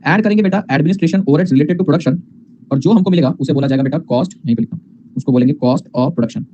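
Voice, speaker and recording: A man's voice: fairly high pitch, fairly quick, mellow, muffled recording, a little hiss or hum. A man teaching accounting in a class lecture, mixing in English terms, calling students "beta" and asking questions he answers himself.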